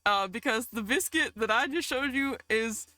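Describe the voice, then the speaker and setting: A woman from the South, chatting casually with her stream chat, chatty and quick to giggle. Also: fairly high pitch, no room sound. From American South. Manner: giggly, chatty, easily excited.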